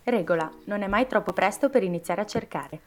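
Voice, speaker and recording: Giovane conduttrice radiofonica dal ritmo svelto. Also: female voice, mid-range voice, expressive, brisk. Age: young adult. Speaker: student radio show co-host. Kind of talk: scripted radio presenting.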